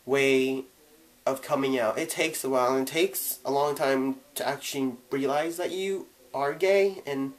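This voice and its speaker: Chatty young man telling a story. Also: mid-range voice. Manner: casual, chatty, heavy use of "like" and "you know". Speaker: vlogger. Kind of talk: personal storytelling to camera.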